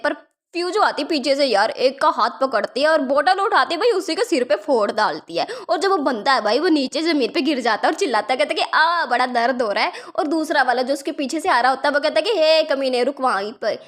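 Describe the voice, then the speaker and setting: A woman casually retelling a comic story, chatty and informal, speaking the characters' lines with light shifts in her own voice. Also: high-pitched. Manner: chatty, keeps calling listeners yaar and bhai. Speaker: manhwa recap narrator. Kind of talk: casual story recap narration.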